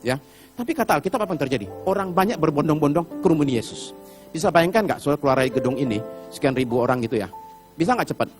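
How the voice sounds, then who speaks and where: Middle-aged male preacher, high and expressive, animated storyteller. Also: rapid-fire, music in the background. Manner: animated storytelling, acts out Bible characters with shouted pleas. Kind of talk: sermon. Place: church hall.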